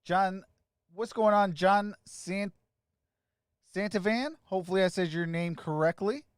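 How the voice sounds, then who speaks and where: A man hosting a sports live stream, casually greeting viewers by name and giving shout-outs as he reads their comments. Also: sits high, measured pace, clear, resonant tone, dry recording, clean studio sound.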